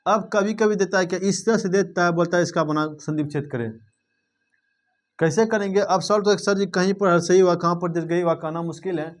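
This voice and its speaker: Young guy w/ ish teaching grammar, fairly high voice, keeps asking students if it's clear. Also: fairly even intonation. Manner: informal, addresses students directly with quick check-ins. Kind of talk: blackboard grammar lesson.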